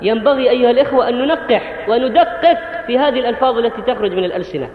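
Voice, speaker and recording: A man's voice: very high-pitched, rapid-fire. A man preaching a sermon to the congregation, earnest and instructive, addressing the brothers directly. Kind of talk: Friday sermon. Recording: echoey hall, tinny phone-like sound.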